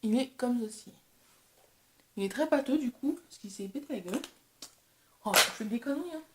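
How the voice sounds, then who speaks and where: A woman's voice: on the high side, expressive, moderate pace, echoey room. A young woman vlogger chatting casually and self-deprecatingly while testing makeup. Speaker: beauty vlogger. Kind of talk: casual chat.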